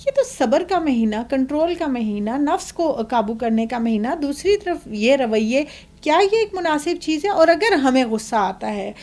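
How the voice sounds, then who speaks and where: A woman's voice: high voice, animated, few pauses, darkish tone. A woman hosting a talk program, speaking emphatically and posing rhetorical questions. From Pakistan. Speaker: TV program host. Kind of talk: hosting a religious talk show.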